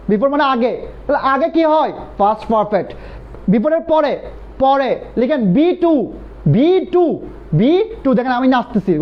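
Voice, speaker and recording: A young man teaching a live online grammar class, with a fairly high voice that swings up and down as he drills each point. He repeats himself again and again and keeps prompting his students. The stream audio is dull and lo-fi. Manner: animated, repetitive drilling, calls students brother.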